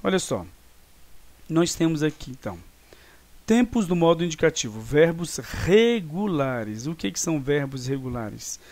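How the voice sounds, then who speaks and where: Here a Brazilian man, on the high side with a darkish tone, walks students through grammar online in a Brazilian Portuguese accent. He's patient and regularly checks that they're following.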